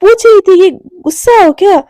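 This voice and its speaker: A woman's voice: extremely high pitch, moderate pace, mellow, no room sound, studio quality, voice pushed up. A woman doing a flustered stammering young woman. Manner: stammering, repeats herself nervously. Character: flustered apologetic young woman, eager to please.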